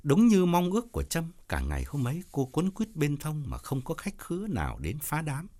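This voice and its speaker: Expressive male storyteller, very animated. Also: on the high side, normal speed. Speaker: narrator. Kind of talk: audiobook story narration.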